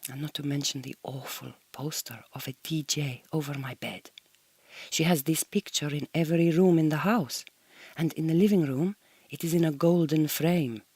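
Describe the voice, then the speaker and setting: Low, warm and breathy at a normal pace, this dry recording is an actress's monologue in a radio drama. She plays a proud, homesick Hungarian migrant dictating her diary in somewhat stiff, formal English with a Hungarian accent, sounding offended and disdainful.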